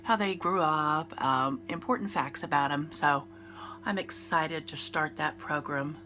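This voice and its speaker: This beauty vlogger is in her fifties and clearly stuffed up with a cold, so her low voice comes out nasal. She chats unhurriedly through a makeup tutorial, wandering off topic with fillers and restarts over some background noise.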